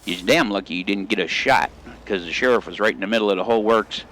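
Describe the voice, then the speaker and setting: A man's voice: fairly low pitch, fast talker, fairly bright tone, slight background noise. A middle-aged man hosting a gaming video, telling old stories in a folksy, rambling drawl with country grammar while driving in the game. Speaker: gaming channel host.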